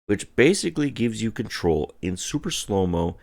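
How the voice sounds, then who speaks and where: A man's voice: fairly low pitch, very animated, normal speed, creaky, darkish tone. A drunk man giving a casual, profane video game review, emphatic and theatrical, drawing out words and repeating phrases.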